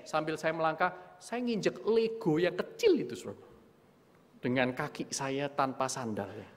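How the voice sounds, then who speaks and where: A middle-aged man preaching in a church, his somewhat high voice ringing with a long hall reverb. He tells a story about himself, keeps calling his listeners "saudaraku", and acts out his own anger as he goes. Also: moderate pace. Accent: Indonesian. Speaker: pastor. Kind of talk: sermon.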